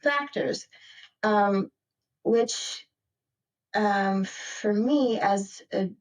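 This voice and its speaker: A woman's voice: medium pitch, extremely slow, rough recording. A woman from Maryland speaking as a podcast guest in a casual interview, reflective and rambling, full of "like" and "you know". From Maryland, United States.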